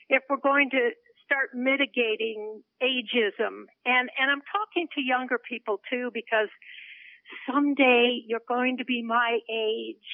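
Heard through a telephone on a narrow line, a woman in her seventies with a voice on the high side speaks earnestly during a radio interview. Small laughs punctuate her points, and there is no echo.

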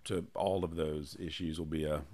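A man's voice: a bass voice, steady tone, moderate pace, darkish tone. A man from Charlotte co-hosting a casual talk show, easygoing and conversational, with occasional chuckles. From Charlotte, North Carolina. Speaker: podcast co-host. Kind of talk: casual chat.

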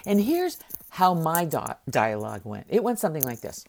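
A middle-aged woman hosting a motivational podcast, speaking emphatically and repeating key words with dramatic pauses. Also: low-pitched, very animated, vocal fry, a little mellow. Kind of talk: motivational speech.

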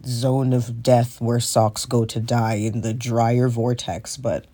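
A man with a stoned, stoner way of talking hosts a loose solo show. He rambles casually in an everyday mid-pitched voice and swears freely as he goes. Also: little pitch movement, takes it slowly, warm tone. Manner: frequent swearing. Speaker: podcast host.

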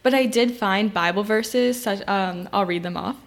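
A young woman speaking as a podcast guest, easygoing and relaxed, with a lot of filler words. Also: medium pitch, normal speed. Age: young adult. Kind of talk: casual chat.

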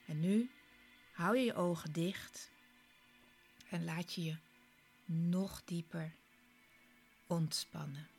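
A woman guiding a relaxation exercise in a soft, soothing, partly whispered voice, with slow short instructions and pauses. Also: low voice. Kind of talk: soft, soothing guided relaxation with breathy, part-whispered delivery. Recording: clear background music. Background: relaxation music.

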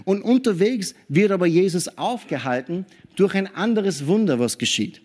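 A man delivers a sermon in a fairly high voice. He preaches in an animated way, often checking in with his listeners. He punctuates his points with hallelujah and amen. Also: normal speed. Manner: animated preaching with frequent tag questions.

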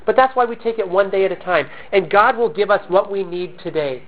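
Man, pastor, sermon, earnest, measured, high voice, thin phone-like sound. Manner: earnest, measured, asks and answers own questions. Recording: tinny phone-like audio.

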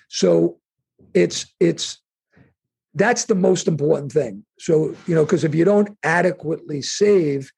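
A middle-aged man with a New York accent, a guest answering interview questions in a halting, chatty way with many restarts. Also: a little high, creaky, a little mellow, husky. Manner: halting restarts, conversational, acts out imagined speakers. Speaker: insurance and wealth planning executive, guest.

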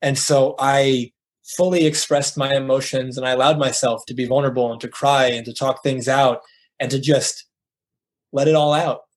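A man's voice: medium pitch, steady tone, moderate pace. A middle-aged man speaking as a life coach guest in an interview, earnest and emphatic, acting out little dialogues as he makes his points. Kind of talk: conversational interview, motivational.

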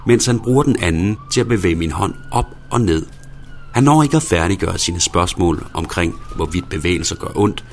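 A man with a very low, deep voice reads a first-person story aloud. His telling is plain and low-key, without fuss. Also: a little hiss or hum. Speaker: narrator.

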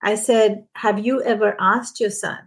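A woman's voice: mid-range voice, fairly even intonation, measured pace. A woman who trains teachers, telling an anecdote in a conversational podcast. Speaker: early-childhood trainer.

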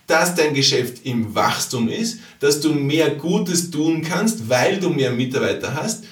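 A man delivers a motivational business monologue, hammering points home with repetition and questions to the listener. His voice sits slightly high and moves in lively leaps. He sounds a little distant from the mic, in a room with noticeable echo. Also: measured pace. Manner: emphatic, repetitive, rhetorical questions addressed to the listener. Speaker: podcast host and business coach.

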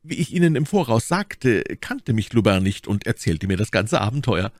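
A man's voice: on the low side, very animated, normal speed, no echo, voice pushed up. A man reading an audiobook, voicing an eager, loyal male servant giving an earnest report.

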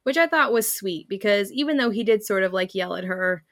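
A woman's voice: medium pitch, a little fast, no room sound, studio quality. A young woman co-hosting a podcast, recapping a TV episode in casual chat and acting out characters' lines with laughter. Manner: animated storytelling, acting out quotes with laughter. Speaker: podcast co-host.

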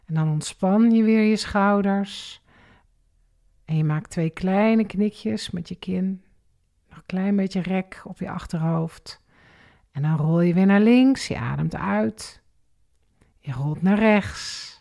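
A woman with a mid-range voice and noticeable vocal fry leads a guided relaxation exercise at a very unhurried pace. Calm and methodical, she talks the listener through each movement and breath, counting the breaths out step by step.

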